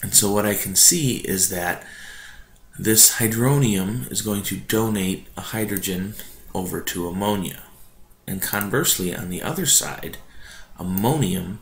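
This is a high school chemistry teacher narrating a review lesson, his voice on the low side and a little slow, his manner informal and explanatory. The recording comes from an echoey home room that sounds like a cave, picked up by a built-in or distant mic instead of his usual one, with a faint hiss underneath.

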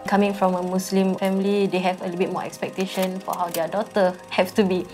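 Young woman from a girl band, chatty and casual, music clearly playing behind. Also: medium pitch, flat delivery, quick pace. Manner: casual, laughing, colloquial. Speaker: band member. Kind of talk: group interview.

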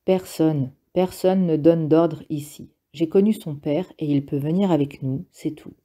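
A woman's voice: deep voice, measured pace, warm tone. A woman voicing a blunt, exasperated younger male partisan in an audiobook reading. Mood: curt, weary. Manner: curt, exasperated.

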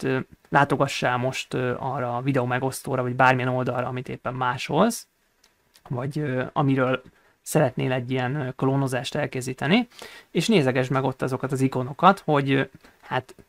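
A man teaching a coding tutorial over a screen recording, explaining each step and pausing often on hesitation sounds. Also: mid-range voice, creaky, no room sound. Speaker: programming instructor.

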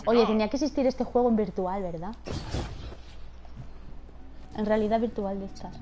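A woman's voice: medium pitch, moderate pace, a crowd in the background. A woman from Spain with a thin, piping voice and a peninsular accent, chatting casually and teasingly while playing a game. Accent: Spanish (Spain). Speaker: video game streamer. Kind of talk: casual chat while gaming.

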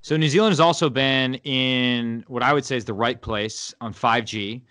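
American podcast host, dry close sound. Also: male voice, medium pitch, fairly even intonation, moderate pace, a bit bright, smooth, no echo. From United States. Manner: curious, joking questions. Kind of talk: casual interview chat.

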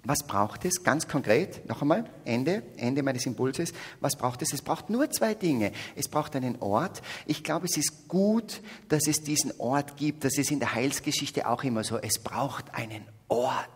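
An older man from the Salzburg region with an Austrian accent, giving a spiritual talk at a faith festival, joking with the audience and swinging between loud exclamations and hushed whispers. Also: mid-range voice, lively intonation, a little slow, hardly any pauses, slightly rough. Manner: humorous, addresses audience directly. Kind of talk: spiritual talk to young adults. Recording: long hall reverb.

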